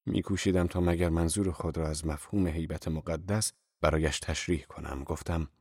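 A man narrating a literary novel in a measured, reflective reading. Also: very deep voice, steady tone, a little mellow, no room sound, clean studio sound. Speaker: audiobook narrator.

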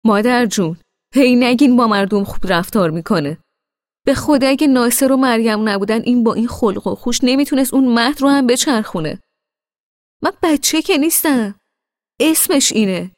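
A woman reading a story voices a bitter, irritated adult brother who scolds loudly and sharply, with long reverb on her voice. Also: on the high side, expressive, hardly any pauses, clean studio sound, pitched above the performer's own voice, close to an everyday voice. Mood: exasperated scolding. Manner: loud, scolding, exasperated.

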